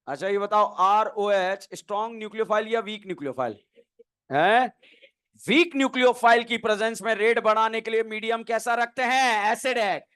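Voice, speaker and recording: A man's voice: high voice, clear, resonant tone. A man teaching a chemistry class, firing questions at students, answering them himself and slipping in jokes. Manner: quizzing students, answering his own questions; joking, playful teasing. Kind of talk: classroom lecture.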